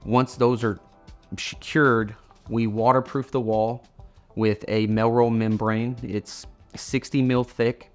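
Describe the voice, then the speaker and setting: Midwestern man, 30s, low steady voice, plain-spoken contractor, faint music behind. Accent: Midwestern American. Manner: plain-spoken, repeats words when restarting. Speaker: foundation repair expert. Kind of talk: explaining in an interview. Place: indoor office with whiteboard.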